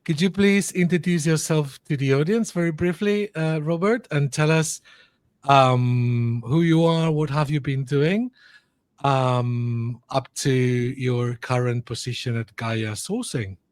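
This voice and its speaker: A man's voice: mid-range voice, slow pace, a little mellow, dry recording. Male host, dry close sound. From Spain. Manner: friendly, hesitant, many fillers like "like" and "um". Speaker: podcast host. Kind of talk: interview hosting.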